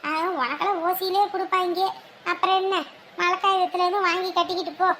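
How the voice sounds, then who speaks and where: A gossiping grandmother, played by an actress, with a very high, bright voice. She talks in a sarcastic, taunting way, always picking at others. Faint noise sits under the voice. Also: little pitch movement, fast talker. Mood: mocking. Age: older. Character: sharp-tongued gossiping village grandmother. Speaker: mocking older relative. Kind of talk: village family drama acting.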